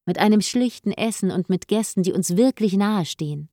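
A woman's voice: mid-range voice, expressive, a little fast, dry recording, clean studio sound, voice pushed up, close to an everyday voice. Woman reading a joyful, tender young groom. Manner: warm and tender. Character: young man, eager, joyful, adoring groom.

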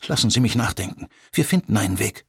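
A man's voice: fairly low pitch, expressive, fast, creaky, slightly rough, no echo, studio quality, pitched above the performer's own voice, exaggerated voice. A man voicing a tough, athletic woman agent in her thirties who speaks firmly and sternly in an audiobook. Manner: firm, controlled, stern.

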